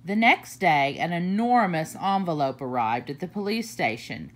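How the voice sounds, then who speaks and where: For story time, a woman with a voice on the low side reads a children's picture book aloud, slow and deliberate, her pitch swooping expressively.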